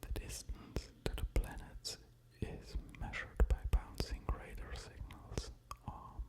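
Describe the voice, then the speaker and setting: Slow, close-up whispering man. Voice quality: soft unvoiced whisper. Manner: slow, hesitant delivery with musing asides. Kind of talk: whispered ASMR. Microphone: close-up stereo ear-to-ear microphone.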